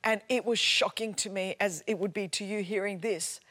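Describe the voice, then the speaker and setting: A native Greek-speaking woman delivers a sermon, telling a story with mounting passion until it builds to loud, emphatic repetition. Her voice is mid-range with fairly even intonation at a moderate pace.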